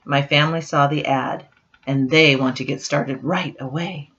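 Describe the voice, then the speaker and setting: Reading a picture book to her grandchildren, this older woman speaks in a low register at a moderate pace, chatting to them expressively as she goes. A bit of hiss or hum sits under the dull, lo-fi sound of her computer webcam mic.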